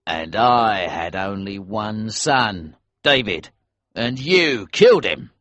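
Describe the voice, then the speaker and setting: A man playing a vengeful smuggler and innkeeper who talks in a cold, measured way. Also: sits low, fairly bright tone, breathy edge, no room sound, full character voice. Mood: cold anger. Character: grim, vengeful older male innkeeper and smuggler. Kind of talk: audiobook character voice.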